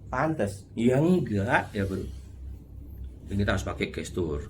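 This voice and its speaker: Lively low-voiced man, noisy room. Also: moderate pace. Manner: chatty, with many tag words and laughs. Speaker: motivational speaker. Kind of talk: casual talk on mindset.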